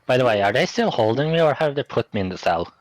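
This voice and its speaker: A man's voice: medium pitch, sing-song, quick pace, no echo. A man playing in a tabletop role-playing game, chatting casually and playfully. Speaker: player.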